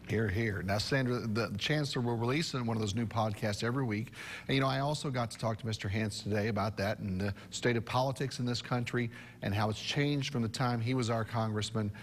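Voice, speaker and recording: Fast-talking male news anchor, long reverb. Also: medium pitch. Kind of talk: television news presenting.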